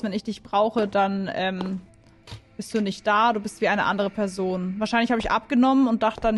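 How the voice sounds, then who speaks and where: A woman giving chatty let's play commentary on a horror game, jumpy and quick to shriek when startled. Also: fairly high pitch, a little mellow. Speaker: gaming video creator.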